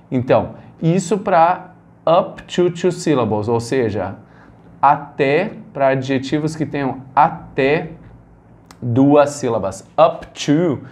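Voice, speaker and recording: A man's voice: medium pitch, a little mellow. Guy from brazil teaching english grammar, asks himself questions as he goes, medium voice. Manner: explains step by step with rhetorical questions. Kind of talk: explanatory lesson.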